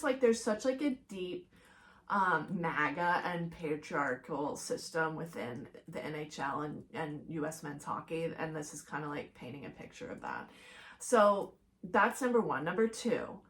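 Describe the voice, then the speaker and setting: Fired-up, swearing woman podcaster. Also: fairly low pitch. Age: middle-aged. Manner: fired-up, blunt and profane, heavy use of "like". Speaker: podcast host. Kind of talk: casual solo podcast monologue.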